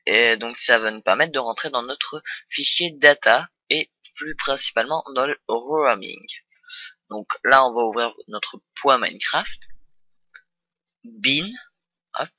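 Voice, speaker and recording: A man's voice: medium pitch, takes it slowly, sharp tone, no echo, muffled recording. A young man talking through a casual computer tutorial, hesitant and full of fillers and restarts. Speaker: tutorial host. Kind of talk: casual screen-recorded tutorial.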